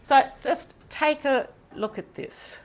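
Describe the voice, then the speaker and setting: A woman professor talks through a seminar lecture in a hall, her voice sitting a little high. She moves between explanation and quick asides to the listeners. She keeps it conversational. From Ireland. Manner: lively, quick asides, laughs with the audience. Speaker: university professor giving a seminar. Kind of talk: lecture with audience questions.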